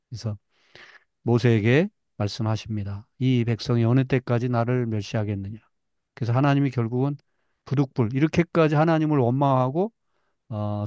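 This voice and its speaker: A middle-aged man teaching a Bible class, retelling scripture in a lively way and acting out the people's complaints. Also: medium pitch, dry recording.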